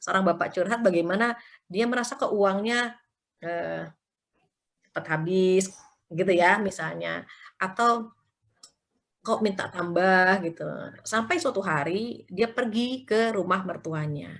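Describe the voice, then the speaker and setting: A woman's voice: mid-range voice, a little slow, long pauses, a bit bright. A woman teaching an Islamic study session in a chatty storytelling way, often acting out short quotes and adding tag fillers. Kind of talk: conversational religious study talk.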